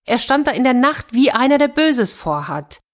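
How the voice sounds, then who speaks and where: A woman's voice: sits high, very animated, normal speed, pitched above the performer's own voice. A woman doing a naive, fearless village lad. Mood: earnest. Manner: earnest, simple-minded and unbothered.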